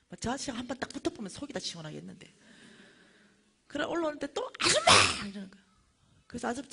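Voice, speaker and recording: Middle-aged woman, church lecturer, very lively and swooping delivery, tells stories and acts out voices. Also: a little high, vocal fry, slight background noise. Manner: animated, acts out voices of the people in her stories. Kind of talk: storytelling lecture to a church audience.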